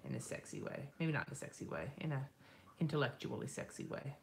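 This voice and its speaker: A woman's voice: rumbling low, expressive, quick pace, gravelly, slight background noise. A woman hosting a live stream, chatting casually and rambling while she draws, swearing freely and laughing often. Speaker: lettering artist and live-stream host.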